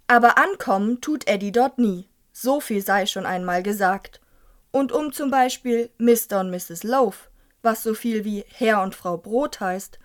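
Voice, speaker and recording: A young woman giving a scripted book review, reading from a children's novel in a clear, even storytelling manner. Her pitch sits in the middle for a woman. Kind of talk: scripted book review with a read-aloud excerpt.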